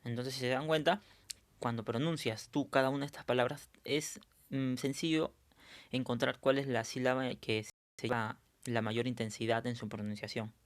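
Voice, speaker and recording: A man's voice: medium pitch, steady tone, moderate pace. A male teacher going over a review lesson, explaining step by step and often checking in with his students.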